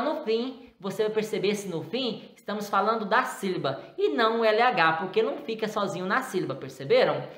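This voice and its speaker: A woman's voice: lowish voice, a bit bright, roomy sound. A woman teaching a recorded grammar lesson for children, patiently explaining and asking the class questions.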